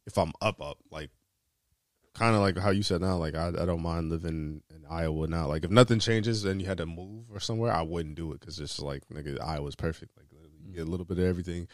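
A man's voice: sits low, no room sound, studio quality. A man hosting a casual chat, rambling along in slangy, profane language. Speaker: podcast host.

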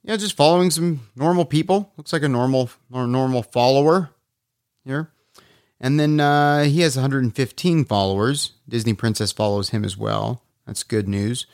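A man's voice: medium pitch, moderate pace, no room sound, clean studio sound. A man hosting his own podcast in casual solo chat, loose and profane, rambling with restarts and asides. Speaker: podcast host.

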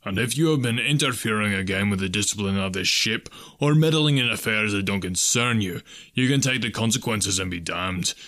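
A bellowing, surly ship's captain, brutish and quick to rage, as a male reader puts him on. He shouts loud and raised, every line a threat. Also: fairly low pitch, no room sound, studio quality, lightly acted. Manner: roaring, blustering. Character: surly, brutish middle-aged ship captain, man.

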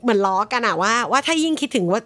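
Young woman, casual chat, blunt and slangy, teasing, quick talker, dry close sound. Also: fairly high pitch, expressive, a bit bright, no room sound. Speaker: podcast co-host giving breakup advice.

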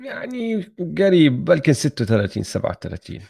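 A man's voice: a little high, wildly swooping pitch, quick pace, creaky, dark tone. A man with a Palestinian-Jordanian Levantine Arabic accent talking casually as co-host of a sports show.

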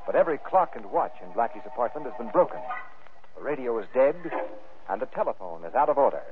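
A man's voice: medium pitch, animated, fast, background noise. Old radio show announcer, a man. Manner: formal recap narration. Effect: old radio broadcast. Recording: tinny old radio recording with music.

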